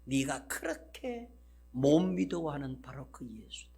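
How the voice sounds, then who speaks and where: A preacher voicing Jesus, proclaiming. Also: male voice, on the high side, big pitch swings, a little slow, creaky, husky, exaggerated voice. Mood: solemn. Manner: proclaiming, then solemn and hushed. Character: Jesus, a commanding male divine voice.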